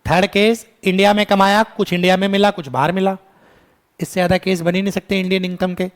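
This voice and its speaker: A man with a fairly high voice teaches a tax class. He fires questions at his students, answers them himself, and slips in affectionate, scolding asides. His English terms carry an Indian accent. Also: flat delivery. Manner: quizzing students, calling them "beta", brisk scolding asides. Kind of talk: classroom lecture.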